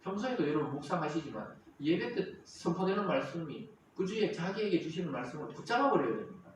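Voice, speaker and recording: A male pastor preaching a Sunday sermon with lively call-and-response, reading scripture aloud to the congregation and explaining it. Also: a little high, fast talker, a little hiss or hum. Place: church sanctuary. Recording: roomy church hall, mic at a distance.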